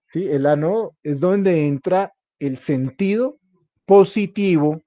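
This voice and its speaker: Chatty teacher with a dull lo-fi sound. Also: male voice, on the high side, slow pace, mellow, dry recording. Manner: keeps checking in with the class, jokey and repetitive. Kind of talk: informal classroom lecture.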